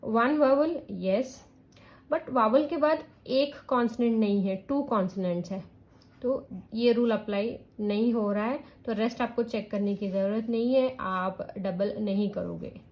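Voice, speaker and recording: A woman's voice: a little high, measured pace, dull audio. A woman, patiently teaching a spelling rule step by step, mixing Hindi and English. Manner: patient, step-by-step explaining with checks like "yes". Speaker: parenting channel teacher. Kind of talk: slow explanatory teaching.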